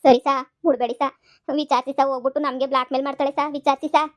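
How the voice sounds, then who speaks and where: A woman puts on a shrill, fast-talking old village granny from for a cartoon comedy. The granny wails and pleads and tags "sir" onto almost every phrase. She is scheming and theatrical, and she plays up her misery with great energy. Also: little pitch movement, lightly acted. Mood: insistent. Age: over 60 (figure). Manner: wailing, pleading, repeats "sir" constantly. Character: elderly grandmother, scheming and melodramatic. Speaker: complainant at a police station.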